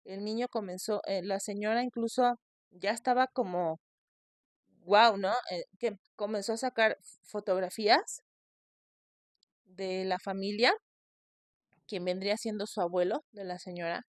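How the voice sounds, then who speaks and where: Female podcast host, expressive storyteller, dry booth sound. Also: medium pitch, unhurried, pauses often, dry recording. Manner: animated retelling with quoted voices.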